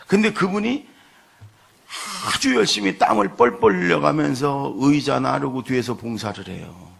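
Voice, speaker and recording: Man, pastor, gravelly, husky, sermon, soft-to-loud storytelling. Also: mid-range voice.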